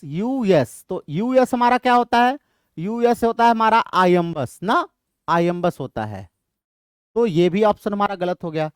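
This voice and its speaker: A man teaching exam preparation speaks in a high voice with an Indian English accent, asking questions only to answer them himself and repeating his points again and again. The recording is dry and of studio quality.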